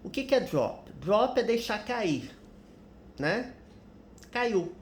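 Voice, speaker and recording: A man's voice: sits high, big pitch swings, takes it slowly. A Brazilian man teaching an English grammar lesson, explaining example sentences patiently and often checking in with "né?". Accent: Brazilian Portuguese. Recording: roomy echo with faint background noise.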